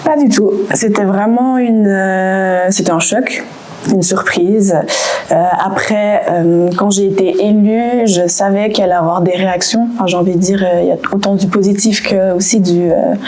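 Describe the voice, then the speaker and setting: A Canadian woman in her twenties, with a medium-pitched and slightly mellow voice, speaks candidly as an interview guest. She hesitates often, using many fillers and restarting frequently.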